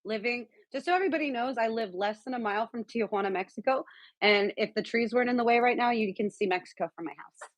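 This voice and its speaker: A woman's voice: on the high side, quick pace, no echo, poor audio. A woman from San Diego, the guest cook, explaining a recipe in a chatty, casual way with lots of fillers over a video call. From San Diego, California. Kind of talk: casual cooking chat.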